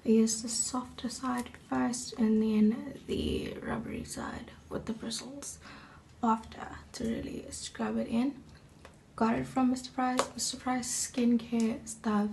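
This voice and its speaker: Croaky-voiced young woman vlogging. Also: a little high, level tone, takes it slowly, a little mellow. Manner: chatty, slangy, drifts into near-whispers. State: croaky morning voice. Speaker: beauty vlogger. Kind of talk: casual get-ready-with-me vlog.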